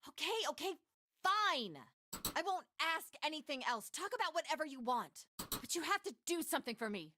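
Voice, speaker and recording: Bossy, high, bright-edged game woman, lively delivery, faint music behind. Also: normal speed, a little hiss or hum, heavily acted. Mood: exasperated. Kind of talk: game voice acting.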